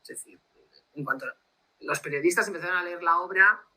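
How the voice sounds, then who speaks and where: A woman translator, telling anecdotes in a lively way and acting out dialogue over a video call. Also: fairly low pitch, a little fast, poor audio. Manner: lively anecdotal storyteller who acts out dialogue. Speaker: literary translator, guest. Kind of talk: casual storytelling interview.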